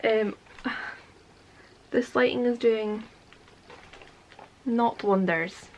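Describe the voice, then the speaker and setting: Young woman, bright-ish voice, chatty unboxing vlogger, faint background hiss. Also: fairly high pitch, drawn-out words, low-quality recording. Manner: chatty, talks while eating a snack. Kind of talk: casual unboxing vlog.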